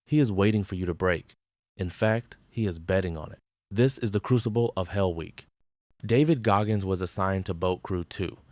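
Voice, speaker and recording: A man's voice: low voice, a little mellow, dry recording. A man giving dramatic scripted narration in intense, punchy short phrases.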